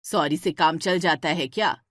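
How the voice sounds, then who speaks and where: A scolding middle-aged mother-in-law in a cartoon story, played by a woman. Her voice sits low and the sound is dry and close. She fires sharp, impatient questions. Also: unhurried, no room sound.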